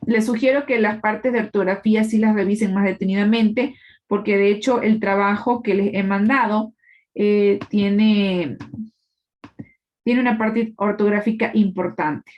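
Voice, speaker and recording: A woman's voice: medium pitch, steady tone, unhurried, muffled recording. A woman teacher giving a live online class, explaining patiently and often checking in with her students. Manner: explanatory, checks in with tag questions.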